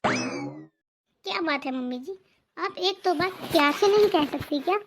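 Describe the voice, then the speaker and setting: A young daughter-in-law from a cartoon family drama, voiced by a woman, with a very high, light voice. She stays polite but holds her ground. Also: expressive, measured pace, slight background noise. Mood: firm. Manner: polite but firm, answering back.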